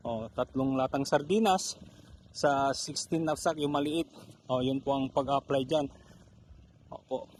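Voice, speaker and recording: A man promoting a fertilizer while walking through an onion field, excited and out of breath, talking to farmers watching. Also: medium pitch, measured pace, long pauses, a little hiss or hum. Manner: excited, keeps pointing out crop size.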